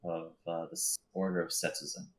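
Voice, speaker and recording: A man's voice: low voice, little pitch movement, fairly quick, voice pushed down, natural voice. A man voicing a stern female warrior bodyguard in a tabletop game, formal and terse.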